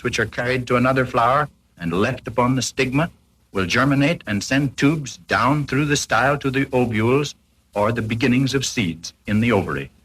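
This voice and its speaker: A man narrates a 1940s educational film formally and didactically, explaining carefully in a slightly rough, husky, medium-pitched voice that sounds a bit bright. The old film soundtrack is rough.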